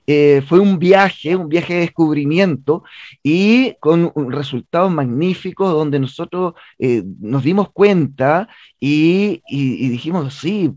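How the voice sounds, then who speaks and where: A Chilean theatre director and playwright, interviewed as a guest, speaks slowly and conversationally in a slightly high, somewhat mellow voice. He often hesitates and repeats words while searching for phrasing, and the sound is dull, band-limited and dry with no room tone.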